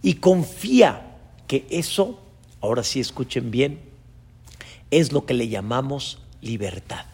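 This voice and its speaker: A man, a rabbi preaching a sermon with dramatic storytelling and sudden loud rises. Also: mid-range voice, animated, slow pace, pauses often, breathy edge.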